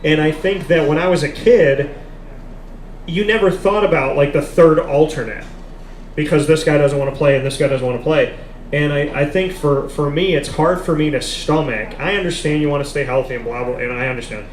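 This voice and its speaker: In an echoey, noisy café, a man with a fairly high voice hosts a live, casual sports talk. He speaks a little fast and with emphasis, repeating points to drive them home.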